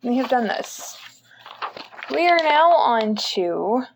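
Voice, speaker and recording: A woman's voice: a little high, big pitch swings, slow pace, vocal fry, slight background noise. A young woman talking through a casual knitting tutorial, chatty and candid with frequent ums, recorded on a phone at home. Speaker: knitting vlogger. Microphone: phone on a stand.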